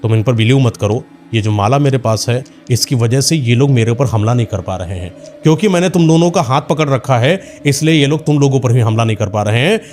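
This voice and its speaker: A man's voice: mid-range voice, a little fast, a little mellow, soft background music, close to an everyday voice. A man doing an urgent young guy pleading.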